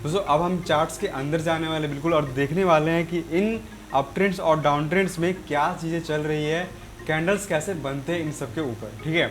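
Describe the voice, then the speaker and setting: A man's voice: on the high side, slight background noise. A man with a sore throat teaching market trends over a chart, often checking in with "okay" and addressing his viewers as friends. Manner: repetitive, keeps saying "okay" and "friends". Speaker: trading teacher. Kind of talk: explaining a chart on screen.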